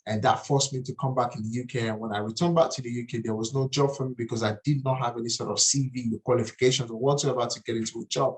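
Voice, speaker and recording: A middle-aged man from Nigeria, a native speaker of a Nigerian language with a matching accent, runs a property investing webinar earnestly. His medium-pitched voice is fairly even and fast with few pauses, and he keeps restarting and repeating phrases.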